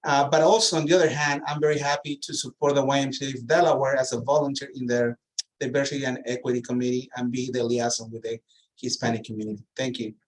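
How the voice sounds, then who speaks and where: A man's voice: mid-range voice, little pitch movement, fast talker, low-quality recording. Middle-aged man, earnest. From Peru. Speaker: community director, panelist. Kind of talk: personal introduction on a panel.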